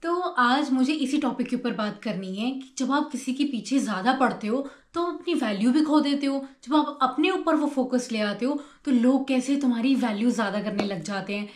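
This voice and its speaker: A woman's voice: high-pitched, moderate pace, hardly any pauses. A young woman hosting her own channel, giving a casual motivational talk and explaining her points with everyday examples. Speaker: YouTube host. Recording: echoey room.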